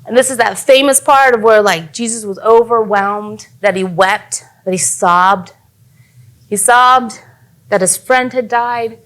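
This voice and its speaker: A woman's voice: fairly high pitch, unhurried, a bit bright. Casual, earnest young woman preacher. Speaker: youth pastor. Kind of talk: youth sermon.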